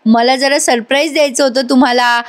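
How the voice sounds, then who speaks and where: A loud, jolly older uncle booms out a teasing line, as a woman reads his part. The voice sits fairly high and is lightly played, with the playful temper of a family drama character. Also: fairly even intonation, a little fast, close to an everyday voice. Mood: jovial. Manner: booming, teasing.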